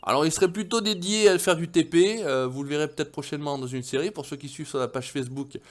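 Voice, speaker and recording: A man's voice: on the high side, fast talker. A man casually commentating a farming game, chatty, swearing now and then, and talking straight to his viewers. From France. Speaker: gaming video host.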